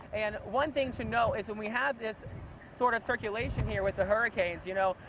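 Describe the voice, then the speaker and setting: A man working as a field reporter, giving unscripted live storm coverage outdoors and projecting over the wind. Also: high voice. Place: outdoors by a flooded road in a hurricane.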